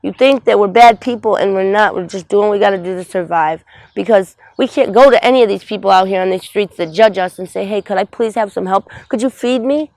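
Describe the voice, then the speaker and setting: A woman's voice: mid-range voice, fairly quick, a little mellow, no room sound, low-quality recording. Blunt streetwise woman in her twenties. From Trinidad. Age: 20s. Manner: blunt and streetwise, swears freely. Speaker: interviewee on the street. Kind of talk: candid street interview. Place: outdoors on a city street.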